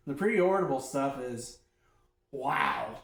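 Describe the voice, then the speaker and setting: A man's voice: medium pitch, expressive, slow, creaky, background noise. A blunt man in easy conversation who laughs readily. He is heard from a distance off a phone, with a roomy echo around his mid-range voice. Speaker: guest. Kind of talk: casual chat. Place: echoey indoor room. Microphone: phone across the room, no mic. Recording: echoey room, far from phone.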